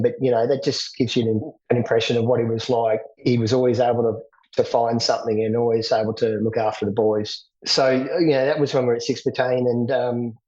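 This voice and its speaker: A middle-aged Australian man, a veteran, recalling his army days in a plain, steady way, often restarting his words. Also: medium pitch, highs cut off. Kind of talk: interview recollection.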